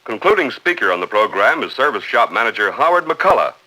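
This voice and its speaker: A man's voice: medium pitch, sing-song, a little fast, pushed and bright, rough recording. A man announcing a program in a formal, emphatic 1950s newsreel style.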